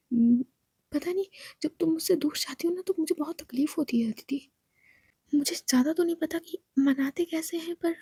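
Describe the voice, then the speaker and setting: A woman voicing a young female office boss who scolds in a hush and then pleads for forgiveness, in an audio story. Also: high voice, dry recording, studio quality, close to an everyday voice.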